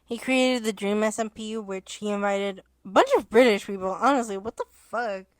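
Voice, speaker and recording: A young adult woman with a medium-pitched voice vlogs at normal speed in a rambling, casual chat, with no room sound. She keeps interrupting herself, swears and laughs often, and starts to lose her voice as she goes.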